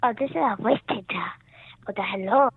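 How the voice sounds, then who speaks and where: A woman's voice: a little high, brisk, slightly rough. A woman caller speaking through a voice changer, playfully drawing out and repeating her phrases. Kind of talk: prank call into a live stream. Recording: tinny phone line, dry.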